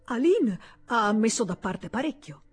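A woman reading aloud voices an indignant middle-aged man who stubbornly defends himself in a raised, husky voice. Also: on the high side, very animated, a little slow, pitched above the performer's own voice, heavily acted.

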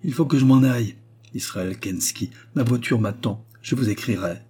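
A man's voice: medium pitch, normal speed, warm tone, husky. A man voicing a young noble grand duchess, earnest and anxious, speaking with a raised, emotional voice. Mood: composed.

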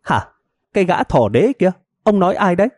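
A shrill, hot-tempered middle-aged village wife, as a male narrator puts her on, nagging and wailing in a high, piercing voice. Her pitch leaps about wildly over a dark, mellow tone, heard up close in a dry recording. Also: very animated, fairly quick, no echo. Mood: indignant. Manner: scolding, wailing melodramatically.

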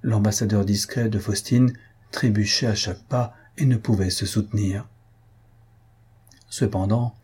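A man narrating a classic novel as an audiobook, in a measured, steady reading. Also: fairly low pitch. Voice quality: husky.

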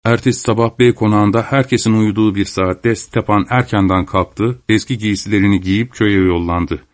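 A man narrating an audiobook in a steady, storytelling manner. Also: lowish voice, normal speed. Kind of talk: scripted narration.

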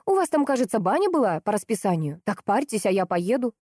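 A woman's voice: medium pitch, sing-song, a little fast, no echo, clean studio sound, pitched above the performer's own voice. A woman voicing a fiery, blunt young woman. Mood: cold anger. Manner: loud, snapping and sarcastic.

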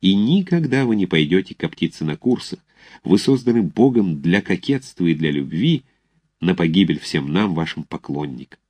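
A man's voice: low voice, very animated, normal speed, a little mellow, breathy edge, exaggerated voice. A man voicing a lovestruck, melodramatic young male military cadet who speaks in an earnest, gallant way, in a read-aloud story. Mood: hushed.

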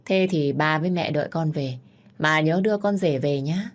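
A woman's voice: low-pitched, normal speed, natural voice. A woman voicing a playful, affectionate mother who teases her daughter on the phone. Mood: teasing. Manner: playful teasing.

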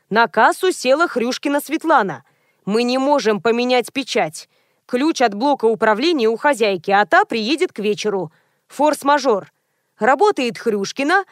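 A woman's voice: fairly high pitch, dry recording, clean studio sound, close to an everyday voice. A woman reading an officious young store manager.

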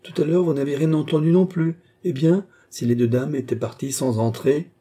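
A man's voice: mid-range voice, normal speed, dark tone, husky. A man voicing a haughty, greedy noble countess who speaks with imperious disdain.

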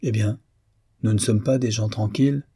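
A man voicing a calm, stubborn young violinist in a low, husky voice. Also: normal speed, no echo, studio quality.

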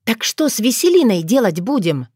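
A woman voicing an earnest young witch girl who exclaims and pleads in a raised, high voice. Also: sing-song, moderate pace, darkish tone, slightly rough, dry recording, clean studio sound. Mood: eager.

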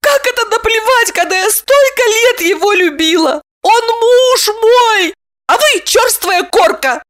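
A woman reading an audiobook, voicing a tearful, easily offended woman who speaks high and squeaky. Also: lively intonation, measured pace, fairly bright tone, exaggerated voice. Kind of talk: audiobook character voice.

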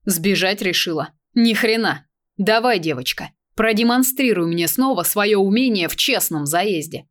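A woman's voice: mid-range voice, lively intonation, moderate pace, lightly acted. A woman voicing an angry, crude young man who growls his lines while reading a story aloud. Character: furious young rich guy, a snarling hothead.

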